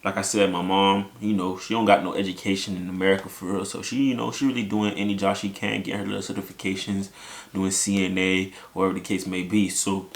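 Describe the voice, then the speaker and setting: Young guy from haiti, deep steady voice, chill slangy storytelling vlog. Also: quick pace. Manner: laid-back slangy talk, lots of "you know what I'm saying". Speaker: vlogger. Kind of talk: casual storytelling to camera.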